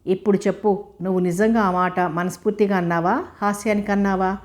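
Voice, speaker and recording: A woman reading the part of a young male doctor, a quick-tempered and affectionate fiancé, in a storybook. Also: medium pitch, steady tone, a little mellow, close to an everyday voice. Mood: earnest.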